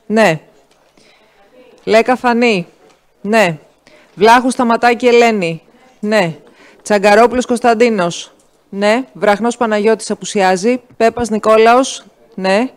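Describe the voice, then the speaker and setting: Male council clerk, notably high voice, steady name-by-name roll-call reading. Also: clean tone. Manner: steady listing of names, brief answers. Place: council chamber.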